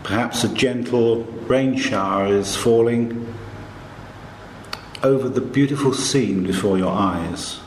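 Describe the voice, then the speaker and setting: Slow, low-voiced man guiding a meditation. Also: reverberant, slight background noise, low-quality recording. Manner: calm, hushed, soothing, with long pauses between short phrases. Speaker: guided meditation narrator. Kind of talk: slow guided meditation narration.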